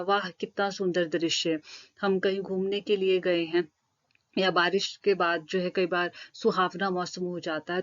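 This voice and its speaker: A woman teaches grammar in a patient, step-by-step way, often repeating herself and leaning on fillers. Her voice sits somewhat low. The recording sounds slightly muffled and lo-fi. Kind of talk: explanatory online lesson.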